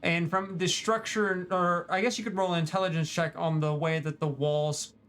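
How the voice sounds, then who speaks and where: A man's voice: fairly high pitch, fairly even intonation, normal speed, a bit bright, faint music behind. A man running a tabletop game as game master, describing scenes with frequent restarts and fillers.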